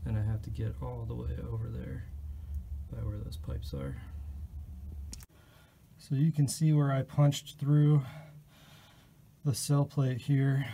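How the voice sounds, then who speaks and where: A man's voice: medium pitch, slow, vocal fry, pauses often, mellow. A man casually narrating a do-it-yourself gas heater install, explaining each step in a plain, matter-of-fact way on a handheld camera. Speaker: DIY vlogger. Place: pole barn, roof and crawl space.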